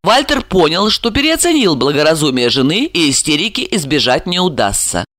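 Bright, lively woman reading a novel. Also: low voice, no echo, clean studio sound. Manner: expressive, measured storytelling. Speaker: audiobook reader. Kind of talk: scripted narration.

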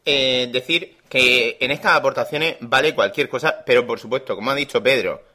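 A man with an accent from Spain co-hosting a gaming podcast, telling stories in an animated, blunt and frank way. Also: medium pitch, moderate pace. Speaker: podcast co-host. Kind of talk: casual podcast chat.

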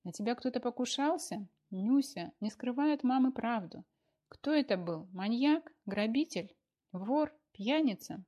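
A woman's voice: fairly high pitch, lively intonation, unhurried, mellow, highs cut off, pitched above the performer's own voice. A woman voicing a fussy, talkative older mother who pours out anxious questions, in an audiobook. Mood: fretful. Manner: breathless stream of anxious questions. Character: fussy chattering older mother, clucking and doting. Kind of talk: audiobook character voice.

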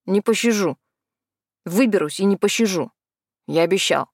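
A woman's voice: mid-range voice, normal speed, no echo, clean studio sound, close to an everyday voice. A woman voicing a sullen, defiant young man in an audiobook. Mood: snapping. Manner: curt, snapping. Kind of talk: audiobook reading.

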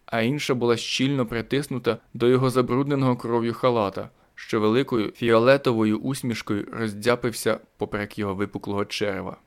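A man narrating a first-person thriller audiobook with dramatic tension. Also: mid-range voice.

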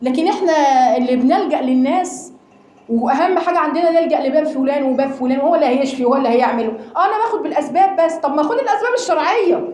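Lively Egyptian woman teaching a class. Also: high voice, very fast, reverberant. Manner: animated, rhetorical questions to the class. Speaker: Quran teacher. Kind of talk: religious lesson to women.

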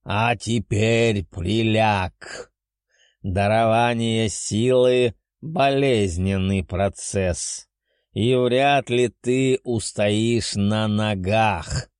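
A man voicing an ancient, proud male dragon spirit in an audiobook, slow and booming with a growl. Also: fairly even intonation, darkish tone, clean tone, no room sound, studio quality. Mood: commanding. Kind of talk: audiobook character voice.

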